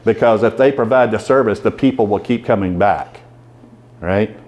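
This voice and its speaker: A man's voice: fairly low pitch, moderate pace, a little mellow, dull audio. A man giving a conversational leadership talk to a club audience, asking them questions as he goes. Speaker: guest speaker at a club meeting.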